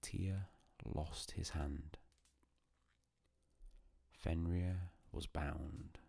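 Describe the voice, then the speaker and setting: Male sleep-story narrator: gravelly, close and dry, calm, solemn, hushed delivery with long pauses. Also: low voice, no room sound.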